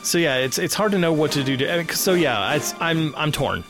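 A man talks through his thoughts on a film in a loose, casual way. He stops and restarts often as he goes. Music plays clearly under his voice. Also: fairly high pitch, lively intonation, a little fast. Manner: rambling, many restarts.

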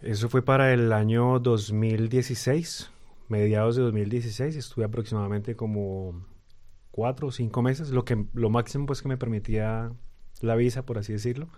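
A young Colombian man with a Colombian Spanish accent appears as a radio guest in a casual interview. His voice is medium-pitched with a steady, darkish tone at normal speed, and he talks hesitantly, full of fillers and restarts.

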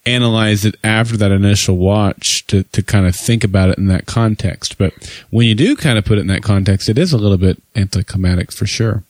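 Joking man co-hosting, low dry voice. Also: brisk, hardly any pauses, no room sound. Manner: joking, rambling. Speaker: podcast co-host. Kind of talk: casual chat.

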